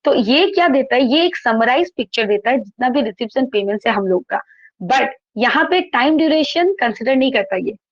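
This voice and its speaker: On an online class, a woman teaches accountancy by reading from the textbook, explaining each point, and posing questions she then answers herself. Her voice is on the high side with lively intonation and a normal pace. Captured on a laptop microphone, the audio is lo-fi with no echo.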